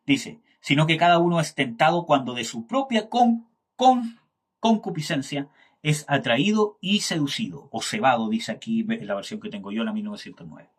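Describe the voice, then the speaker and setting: Husky man teaching a Bible class. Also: mid-range voice, animated, moderate pace. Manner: keeps checking in with "¿cierto?" and searches for words aloud.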